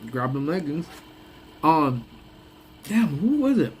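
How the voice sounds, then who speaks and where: Rambling through a laid-back lunch-break live stream, a young man laughs frequently and lets thoughts trail off unfinished. His congested-sounding voice is a little high and sing-song, slow, with a breathy edge.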